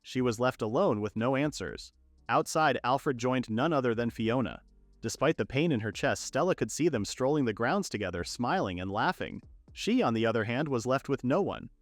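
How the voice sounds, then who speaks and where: A man narrating a story in a steady, scripted storytelling voice, retelling every line of dialogue himself. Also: medium pitch, moderate pace, no room sound. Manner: steady storytelling, all dialogue retold in third person. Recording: dry close voice-over with faint music.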